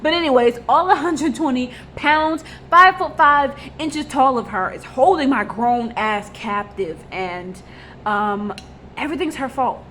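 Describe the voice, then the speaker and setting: Her voice sits high and is a bit bright, with lively intonation and a slightly slow pace. This vlogger, a woman in her 20s, is blunt and raw as she confesses, repeating herself and leaning on fillers. Slight background noise can be heard.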